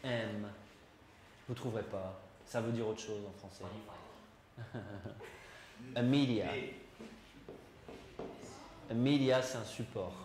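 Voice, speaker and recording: A man's voice: mid-range voice, takes it slowly, pauses often, crowd noise. A man teaching an English class, explaining in a chatty way and putting questions to his students. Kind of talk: classroom lesson. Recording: roomy classroom echo, faint noise.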